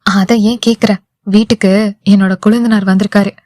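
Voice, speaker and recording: A woman's voice: a little high, fairly even intonation, moderate pace, no room sound, studio quality, lightly acted. Brief: irritable older sister in an audio novel, voiced by a woman. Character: elder sister-in-law, irritable and upset.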